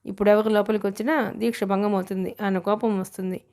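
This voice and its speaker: A woman's voice: medium pitch, steady tone, fast, a little mellow, close to an everyday voice. Anxious, reproachful young woman, voiced by the woman narrator in a storybook reading. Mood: firm. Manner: worried, reproachful.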